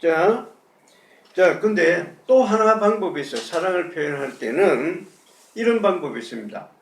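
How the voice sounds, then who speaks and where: A man's voice: high voice, lively intonation, normal speed, creaky, reverberant, distant mic. A male pastor giving a conversational sermon, asking the congregation rhetorical questions. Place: church sanctuary.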